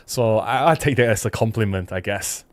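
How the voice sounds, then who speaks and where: A middle-aged livestream host with a Malaysian accent speaks in a fairly low voice at a moderate pace, with no room sound. Seated at a desk in a small room and using a close desk microphone with a windscreen, he reads viewer comments and responds in a casual, emphatic, conversational manner.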